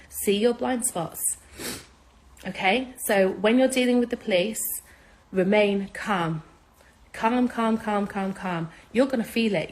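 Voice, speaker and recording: A woman talking straight to her followers, urgent and insistent. Her voice sits at an ordinary middle pitch. She hammers her points home by repeating them. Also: darkish tone, low-quality recording. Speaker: social media speaker. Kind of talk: impassioned advice monologue.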